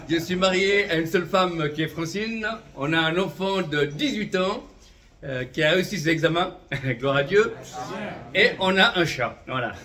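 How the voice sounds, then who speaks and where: A man in his fifties from Vietnam, an itinerant minister, shares his religious testimony with fervent conviction. His voice is a little high for a man and a bit bright, and he scatters "amen" and "voilà" through his speech, chuckling lightly now and then.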